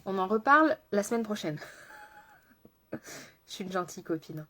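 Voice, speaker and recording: A woman's voice: mid-range voice, lively intonation, moderate pace, pushed and bright. A woman makeup artist chatting casually on a live stream, laughing often and answering viewers by name as she works. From France.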